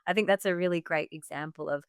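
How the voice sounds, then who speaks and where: A woman who is a health coach, a podcast guest, telling stories in an animated, affirming way. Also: lowish voice, quick pace, smooth, dry recording, studio quality. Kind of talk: podcast conversation.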